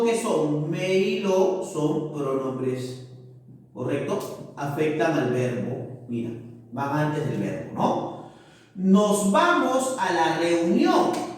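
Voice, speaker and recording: Male teacher, high voice, slow deliberate delivery, distant echoey classroom sound. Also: a little mellow. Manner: asks and answers his own questions, often in a higher pupil-like voice. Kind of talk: classroom grammar lesson. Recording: echoey room, voice from far off.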